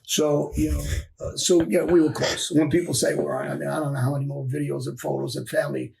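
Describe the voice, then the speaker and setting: Casting: man, very gravelly voice with a slightly raised pitch, blunt and emphatic storyteller in a sit-down interview. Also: level tone, fast talker, darkish tone. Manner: blunt, emphatic, repeats phrases. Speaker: former mob enforcer guest.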